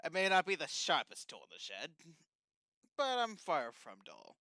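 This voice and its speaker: Brief: a man voicing a teasing, cartoonish pirate mentor with a bright, swooping voice. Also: a little high, wildly swooping pitch, moderate pace, no echo, full character voice. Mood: hearty, teasing. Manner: old-fashioned speech, teasing. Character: jovial hearty male mentor, teasing and warm. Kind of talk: improvised character voicing.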